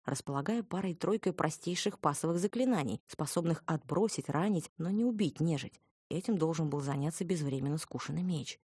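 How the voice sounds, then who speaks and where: A woman's voice: sits low, a little mellow, husky, no echo, clean studio sound. A woman narrating a first-person fantasy audiobook in a wry, ironic manner.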